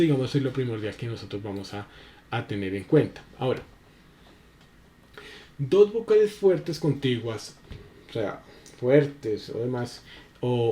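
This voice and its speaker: A man teaching a recorded spelling lesson, explaining at a halting pace with many fillers and restarts. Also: mid-range voice, dark tone.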